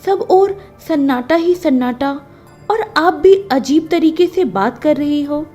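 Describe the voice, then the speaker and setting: A woman voicing a young village daughter just back from her city studies, bright, pleading and quickly alarmed. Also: sits high, animated, soft background music, voice pushed up. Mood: teasing.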